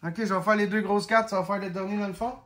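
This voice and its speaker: A man with a Québécois accent opening card packs in a casual vlog, excitable and full of exclamations. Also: high-pitched, quick pace. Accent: Québécois French.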